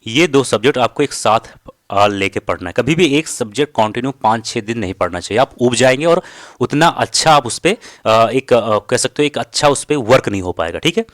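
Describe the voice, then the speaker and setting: A man's voice: mid-range voice, lively intonation, brisk, no echo, studio quality. A man teaching a study strategy lesson for an entrance exam, speaking directly, repeating key points and checking in with the listener often.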